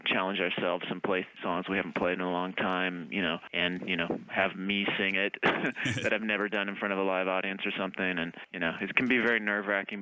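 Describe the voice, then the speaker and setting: Radio guest, male, low voice, easygoing rambling answers; dry, lo-fi line. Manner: relaxed, wordy, many fillers. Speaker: band member, radio interview guest. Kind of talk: radio phone interview. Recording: dry, dull phone-line radio sound.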